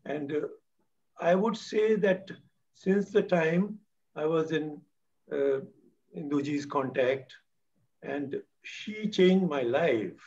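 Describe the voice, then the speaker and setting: A man's voice: fairly high pitch, highs cut off. A retired man in his sixties with an Indian English accent hosting a memorial gathering, passing the floor to speakers and making light jokes. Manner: warm moderator, light jokes, switching into Hindi. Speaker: event host.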